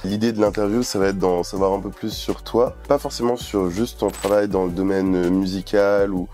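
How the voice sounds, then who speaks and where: Deep-voiced male interview host. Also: level tone, normal speed, mellow, soft background music. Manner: affirming, frequent backchannel "ouais". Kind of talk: interview hosting.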